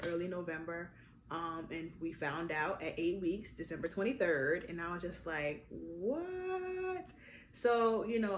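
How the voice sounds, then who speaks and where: Young adult woman, casual vlog storytelling, lively quoted voices, roomy echo, faint hiss. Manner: animated, acts out quotes with big pitch jumps. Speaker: vlogger. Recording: echoey room with faint noise.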